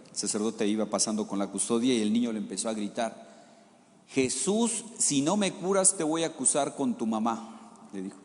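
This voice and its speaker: A man's voice: medium pitch, a little mellow, long reverb tail. A man, a priest giving a conversational homily, often asking rhetorical questions and acting out the quoted lines.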